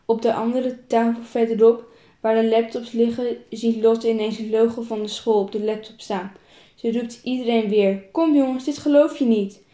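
A woman's voice: a little high, level tone, normal speed, dark tone, roomy sound. A woman reading a self-written story aloud, plainly and with small repeats and restarts.

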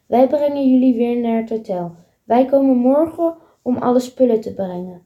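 A woman's voice: a little high, expressive, moderate pace, narrow, tinny audio, natural voice. A woman voicing a stern police officer in a read-aloud story. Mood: approving.

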